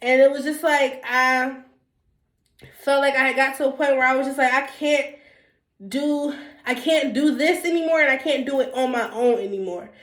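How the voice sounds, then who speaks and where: In a casual sit-down video, a young woman congested with a cold speaks openly to viewers, rambling with frequent ums and restarts. Her voice sits high and a bit bright, with fairly even intonation at a moderate pace, and the recording echoes.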